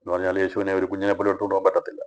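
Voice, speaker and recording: A man, a pastor, teaching a Bible study over a video call, his phrases swelling loud and then dropping low and soft as he urges his listeners. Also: completely flat delivery, racing. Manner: addresses listeners directly, urging them.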